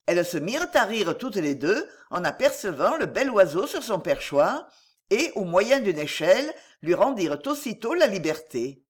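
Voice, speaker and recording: A woman narrating a fairy tale in a measured, expressive storybook reading. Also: mid-range voice, slightly rough.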